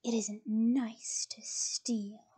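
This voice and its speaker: Boss Pirate, a woman growling as a gruff pirate captain. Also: fairly high pitch, little pitch movement, very slow, mellow, pitched below the performer's own voice, exaggerated voice. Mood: menacing. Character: gruff boss pirate man, bossy and menacing.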